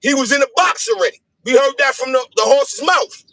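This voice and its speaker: A man in a casual livestream chat, taunting in an animated, sing-song way. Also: very high-pitched, a little fast, no room sound. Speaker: podcast guest. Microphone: phone livestream.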